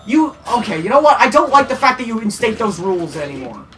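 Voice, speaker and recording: A man's voice: sits high, fast talker. A young man bantering and ranting while playing a fighting game with friends. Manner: excitable, ranting, joking. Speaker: gamer. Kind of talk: casual gaming banter. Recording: game music behind voices.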